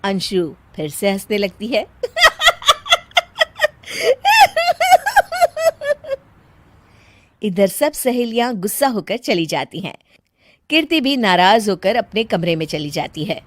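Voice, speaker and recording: A woman narrating a cartoon moral story in a slow, even storytelling manner. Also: medium pitch, no echo.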